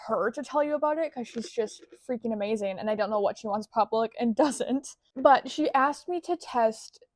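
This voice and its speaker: With a fairly high pitch and normal speed, this crochet vlogger talks in a relaxed, bubbly way, drifting from topic to topic and poking fun at herself. The recording has no echo.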